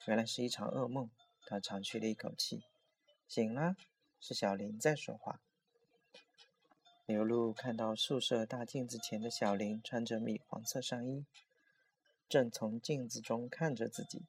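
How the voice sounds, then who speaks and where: A man's voice: medium pitch, steady tone, normal speed, slight background noise. Male horror story narrator.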